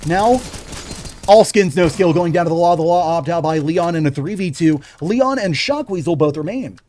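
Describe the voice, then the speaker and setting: A man's voice: on the high side, expressive, normal speed, a little mellow, a little hiss or hum. A young man calling a live video game match play by play, breaking off to chat with viewers. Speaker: game commentator and streamer.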